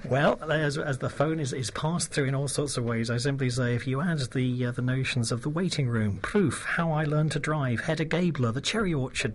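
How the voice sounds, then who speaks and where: A British man hosting a radio show, chatting in a rambling, friendly way and laughing often. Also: medium pitch. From Britain. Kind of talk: casual radio chat.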